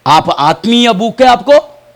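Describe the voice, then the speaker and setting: A man preaching a fervent sermon as pastor, moving between shouted peaks and hushed asides, often asking questions and answering them himself. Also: very high-pitched, big pitch swings, takes it slowly. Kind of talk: impassioned Hindi sermon.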